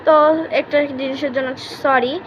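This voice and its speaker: A woman teaching English to kids in a casual online lesson, repeating each phrase slowly for practice. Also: sits high, flat delivery, dull audio, slight background noise.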